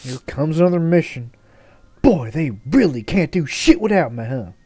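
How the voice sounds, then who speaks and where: A man doing a gruff southern warrior mom. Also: a little high, very animated, moderate pace, dry recording. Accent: put-on American Southern. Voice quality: gruff, swearing, loud. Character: brash foul-mouthed southern mother, battle-hardened.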